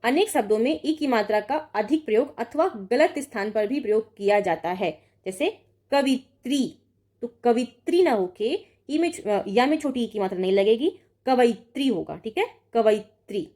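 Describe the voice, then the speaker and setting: This young woman's voice is on the high side and dark in tone, with lively intonation and a moderate pace. As a Hindi exam tutor teaching online, she reads word pairs, corrects every one, and checks in regularly.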